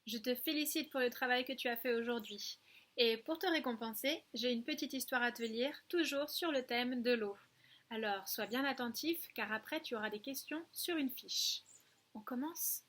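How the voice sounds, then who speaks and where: A woman teacher giving a recorded lesson to young children, speaking slowly and clearly and addressing the child directly. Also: fairly high pitch, a bit bright. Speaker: preschool teacher.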